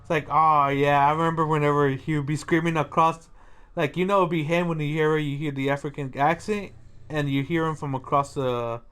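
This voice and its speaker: A young man co-hosting a casual podcast, relaxed and swearing freely, laughing as he tells work stories. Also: on the high side, brisk, clear, resonant tone. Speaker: podcast co-host. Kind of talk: casual chat.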